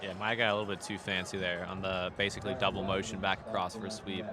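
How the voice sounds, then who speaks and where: A man's voice: deep voice, level tone, fast, crowd noise. A man giving casual live analysis as a color commentator on an American football broadcast outdoors. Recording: noisy outdoor stadium broadcast.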